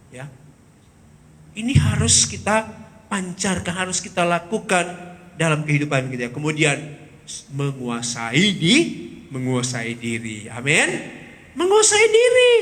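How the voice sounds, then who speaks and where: Man, children's sermon, high lively voice, church reverb. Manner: animated, quizzes the children, tags lines with "ya". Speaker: Sunday school teacher. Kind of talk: children's Sunday school sermon. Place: church hall. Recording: long hall reverb.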